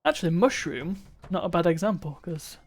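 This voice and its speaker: A man's voice: sits high, lively intonation, normal speed. A man chatting casually on a live stream while gaming, musing aloud and wandering between thoughts. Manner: rambling, musing aloud with restarts and chuckles.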